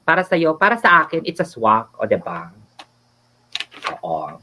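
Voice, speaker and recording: A man's voice: fairly high pitch, sing-song, a little slow, pushed and bright, a little hiss or hum. A man co-hosting a casual show, chatting in a flamboyant, giggly way. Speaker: co-host and nurse. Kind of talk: casual Taglish show chat. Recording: dull lo-fi sound.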